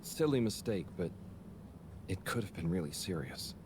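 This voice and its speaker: A man's voice: low voice, big pitch swings, normal speed. An actor voicing Harold, an earnest, awkward young man who talks hesitantly, with ambient noise behind him. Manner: hesitant, mumbling, self-conscious. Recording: game audio with ambient noise.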